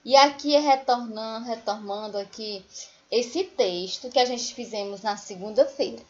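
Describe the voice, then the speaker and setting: A woman primary school teacher, giving a recorded remote lesson to children, explaining patiently and singing example words slowly. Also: on the high side, a little mellow, lo-fi sound.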